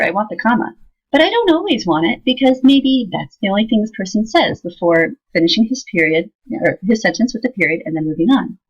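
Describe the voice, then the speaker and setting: Husky-voiced woman explaining software. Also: medium pitch. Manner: casual, thinking aloud with fillers. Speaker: instructor. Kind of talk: software tutorial screencast. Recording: slightly dull lo-fi sound.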